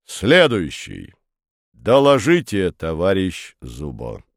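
A man voicing a pompous, heavy male committee chairman who talks slowly with grunting pauses. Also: low-pitched, wildly swooping pitch, creaky, no room sound, studio quality, full character voice. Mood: ponderous. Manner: slow, ponderous, grunting pauses.

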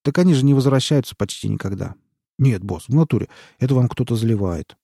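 A man's voice: mid-range voice, animated, quick pace, vocal fry, dark tone, husky, dry recording, studio quality. A man reading aloud and voicing a fawning, frightened male snitch who pleads and wheedles in folksy slang. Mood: wheedling.

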